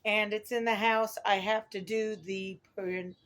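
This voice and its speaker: A middle-aged woman with a hoarse voice from talking a lot, chatting casually and ramblingly to her viewers as she corrects herself. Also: medium pitch, fairly even intonation, a little slow, a bit bright. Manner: rambling, self-correcting, chuckles at own remarks. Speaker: vlogger. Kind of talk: casual chat to camera.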